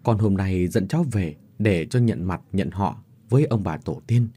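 A man's voice: deep voice, animated, normal speed, dark tone, slightly rough. A man voicing a humble young mother who pleads with her parents in a deferential way. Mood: pleading.

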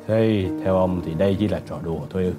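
A male narrator playing a calm male doctor who speaks gently and reassuringly. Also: sits low, fast talker, music in the background, natural voice. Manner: soothing, gentle.

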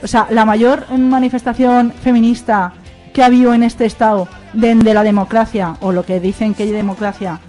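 A woman's voice: fairly high pitch, level tone, normal speed, dark tone, faint music behind. A woman with an Aragonese accent, talking on a radio panel in a rambling, emphatic way. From Aragón. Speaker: radio show guest. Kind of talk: casual roundtable chat.

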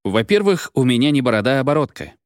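A man's voice: mid-range voice, sing-song, fast, dry recording, pitched above the performer's own voice, lightly acted. A man reading an audiobook, giving a dry, irritated young man curt, grudging replies. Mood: wry. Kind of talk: audiobook character voice.

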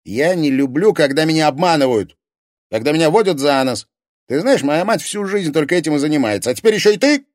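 A man's voice: medium pitch, lively intonation, fast talker, dry recording, studio quality, voice pushed up, close to an everyday voice. A man voicing a furious young son. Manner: loud, bitter, shouting accusations. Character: angry young man, hot-tempered son. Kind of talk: audiobook character reading.

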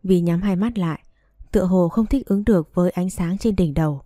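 Woman reading a story aloud, low mellow voice, dry close sound. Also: a little fast, dry recording. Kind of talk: story narration.

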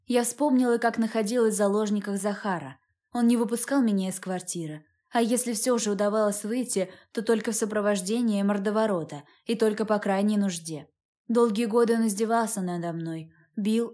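Mellow-voiced woman reading an audiobook. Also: mid-range voice, steady tone, a little fast. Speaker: audiobook reader. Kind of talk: first-person audiobook narration.

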